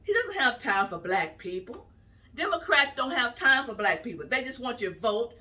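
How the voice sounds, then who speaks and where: A woman political commentator talks straight to her viewers in an emphatic, indignant, conversational way. Her voice is bright and forward. The mic sits a little away from her. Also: fairly high pitch, very animated, normal speed, recorded from a distance. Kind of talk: opinion vlog.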